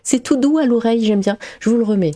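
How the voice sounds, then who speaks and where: A woman streamer giving casual commentary, filling pauses with 'euh', laughing and making sarcastic remarks as she reads out comments. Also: on the high side, noisy background.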